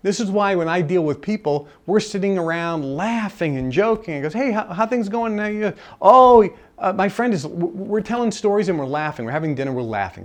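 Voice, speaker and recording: A man speaking at a live self-help seminar in a conversational way, repeating phrases for emphasis. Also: fairly high pitch.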